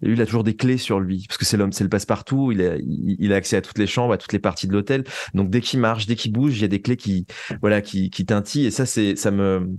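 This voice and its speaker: A man with a low, slightly mellow voice answers interview questions conversationally as a guest; he's an audio fiction writer. He frequently pauses to find words and repeats little phrases. The recording is dry, with almost no room sound.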